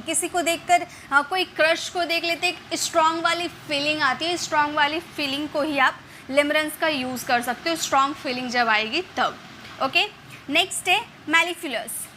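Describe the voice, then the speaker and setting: Woman, casual English vocabulary teacher, high voice, repeats words, faint room noise behind. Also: pushed and bright. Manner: explains slowly, repeats words, many fillers. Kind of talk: casual spoken lesson.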